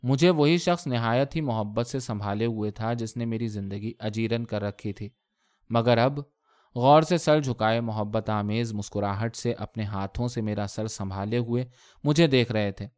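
A man narrating a first-person story in a measured, expressive reading. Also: on the low side. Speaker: story reader.

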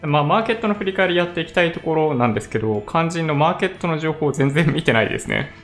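A man's voice: on the high side, fast, faint music behind. A man chatting casually to camera in a newly moved-in empty room, his voice echoing off bare walls into a condenser mic. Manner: relaxed, chatty, often laughing. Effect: echoey bare room. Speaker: vlogger. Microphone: condenser mic on a stand.

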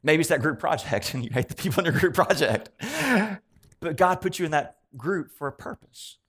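A male pastor preaching a conversational sermon to his congregation, moving between soft, quiet asides and emphatic points. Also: fairly high pitch, expressive, brisk, husky. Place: church gathering.

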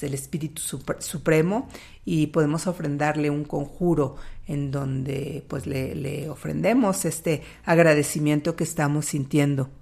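A woman with a Latin American Spanish accent hosting an informal spiritual talk, speaking in an unhurried, gently guiding way with deliberate phrasing. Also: low voice, creaky. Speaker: host of a spiritual talk series.

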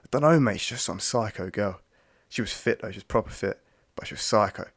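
Gravelly young man telling stories. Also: on the low side, fast, a bit bright, no echo. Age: young adult. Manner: laid-back slangy storytelling. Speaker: podcast co-host. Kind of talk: casual chat.

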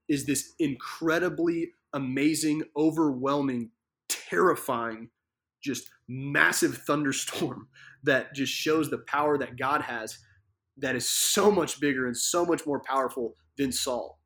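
A man's voice: mid-range voice, unhurried, fairly bright tone. A man giving a casual devotional Bible teaching from a living room, telling the story vividly and earnestly, with many fillers and restarts.

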